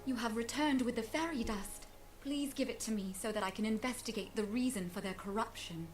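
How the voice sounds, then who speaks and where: A woman's voice: on the high side, brisk, faint music behind, close to an everyday voice. A woman voicing a gracious, grave fairy lady guardian who speaks formally and earnestly in a video game. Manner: formal, earnest storybook delivery. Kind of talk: scripted video game dialogue.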